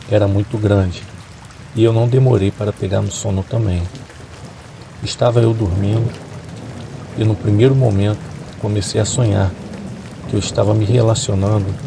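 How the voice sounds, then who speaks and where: Gravelly, low-voiced male storyteller. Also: darkish tone, a little hiss or hum. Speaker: narrator. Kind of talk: calm storytelling narration over rain sounds. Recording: faint rain sounds behind.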